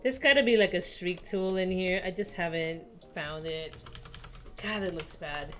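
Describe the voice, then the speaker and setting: A young woman, an artist, talks herself through a digital drawing in casual process commentary, muttering and teasing her own work. Her voice is fairly low, a touch slow and slightly bright. Soft music plays in the background.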